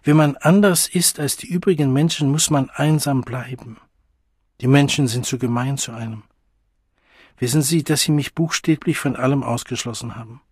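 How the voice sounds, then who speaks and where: A man reading the part of a lonely, wounded young outcast who confides in a hushed, searching way. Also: medium pitch, normal speed, slightly rough, no room sound, studio quality, close to an everyday voice. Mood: confiding.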